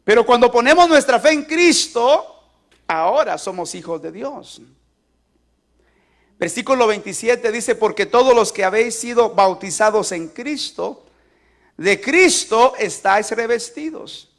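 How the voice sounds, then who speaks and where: High-voiced man preaching call-and-response. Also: lively intonation, measured pace, fairly bright tone. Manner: asks the congregation to repeat lines aloud. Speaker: pastor. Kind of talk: sermon.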